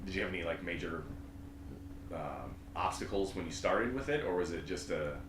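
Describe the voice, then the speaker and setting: A man's voice: low-pitched, animated, normal speed, reverberant, background noise. A man hosting a loose, chatty interview, with lots of fillers and laughter, in a room with a couch. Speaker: host. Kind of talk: casual interview chat.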